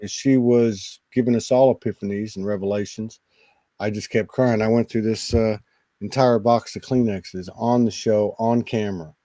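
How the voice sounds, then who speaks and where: A man, a guest on a spiritual talk show, telling a personal story in an earnest, emotional, halting way. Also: lowish voice, steady tone, dark tone, no echo, poor audio. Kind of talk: personal storytelling in casual conversation.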